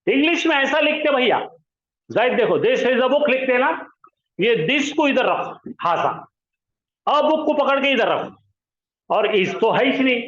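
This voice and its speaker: A man's voice: very high-pitched, lively intonation, a little slow, fairly bright tone. A male teacher, leading a classroom lesson and coaxing students to repeat words aloud. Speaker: Arabic grammar teacher. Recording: roomy, dull lo-fi sound.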